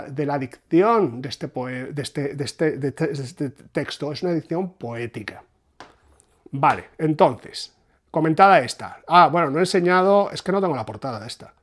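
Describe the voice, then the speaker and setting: A man from talks through poetic meter, pausing and restarting as he thinks. His voice sits a bit higher than most men's. It sounds like an unscripted explanation from a translation reviewer. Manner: thoughtful, hesitant, often restarts phrases.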